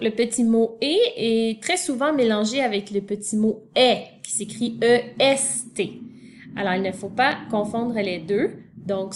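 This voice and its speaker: A woman teacher giving a spelling lesson to young children, spelling words out letter by letter and talking directly to the child. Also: a little high.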